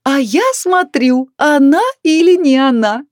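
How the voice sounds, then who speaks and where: A woman reading aloud, voicing a loud, brash, overbearing woman of about sixty who shrieks her lines. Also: high voice, big pitch swings, a little slow, no echo, clean studio sound, pitched above the performer's own voice. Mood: shrieking. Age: 60s.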